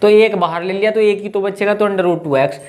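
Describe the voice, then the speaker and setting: A high-voiced man teaches a math class with a tinge. He works through each step aloud and keeps asking his students questions. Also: fairly even intonation, fairly quick. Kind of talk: classroom lesson.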